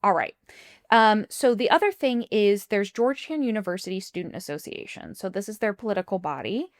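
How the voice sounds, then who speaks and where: A woman's voice: mid-range voice, lively intonation, a little fast. A young woman co-hosting a casual podcast, chatty and full of fillers as she walks her co-host through a story. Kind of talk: casual chat.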